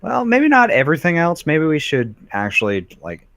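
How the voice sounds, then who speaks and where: A man's voice: on the high side, huge pitch swings, moderate pace, creaky, a bit bright, dry recording. A young man co-hosting a game playthrough, rambling through points with many fillers and repeated phrases. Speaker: co-host of let's play. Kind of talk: casual let's play banter.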